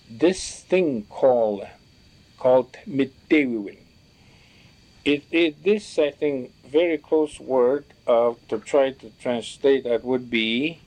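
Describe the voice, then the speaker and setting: A man speaks slowly in a warm, mellow voice, recalling the stories of his elders. He pauses and restarts often, searching for words in a reflective, halting way. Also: medium pitch. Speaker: storyteller recalling teachings from elders. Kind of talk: reflective spoken recollection.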